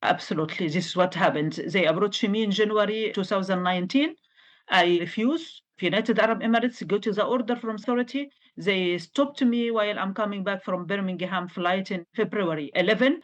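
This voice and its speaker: A woman's voice: medium pitch, normal speed. Earnest woman from Egypt, English. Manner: earnest, insistent, non-native English grammar. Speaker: interview guest. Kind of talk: interview answers.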